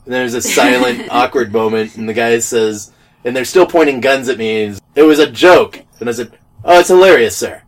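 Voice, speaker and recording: Animated storytelling man. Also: mid-range voice, moderate pace. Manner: animated, laughs while telling stories, acts out quoted exchanges. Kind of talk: casual storytelling chat.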